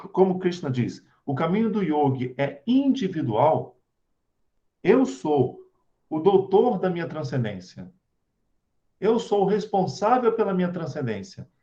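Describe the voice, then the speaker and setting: A man's voice: sits high, mellow. A man giving a conversational spiritual talk, asking his audience rhetorical questions. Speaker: spiritual lecturer. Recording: dull lo-fi recording.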